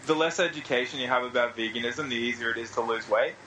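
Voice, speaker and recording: A man's voice: mid-range voice, fast, pushed and bright, slight background noise, poor audio. A man in his thirties with an Australian accent, telling rambling anecdotes in casual chat and swearing freely. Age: 30s.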